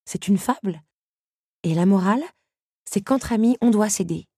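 A woman's voice: moderate pace, dark tone, husky, dry recording, studio quality. A woman voicing Belle, a stubborn, fiery young woman, in an audiobook reading. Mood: insistent. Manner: pleading and indignant, raised pitch.

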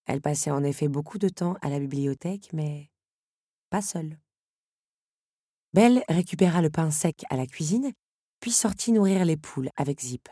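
A woman narrating an audiobook in a calm, even storytelling manner, with a husky voice. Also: low-pitched, moderate pace, long pauses, dry recording, clean studio sound.

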